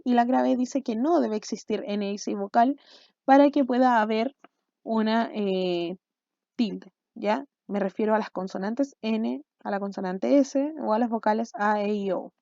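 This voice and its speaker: A woman teacher explains a language lesson for video, often checking in with her students with quick questions. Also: a little high, creaky, warm tone, no room sound, muffled recording.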